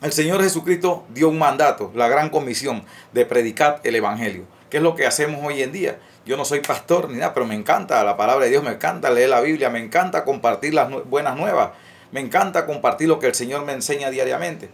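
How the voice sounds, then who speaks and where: A man's voice: mid-range voice, a little fast, creaky. A man giving an earnest, informal sermon, often stopping on fillers and restarts and asking his listeners rhetorical questions. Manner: earnest, repetitive, many hesitant restarts and fillers. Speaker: lay preacher. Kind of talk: informal preaching to camera.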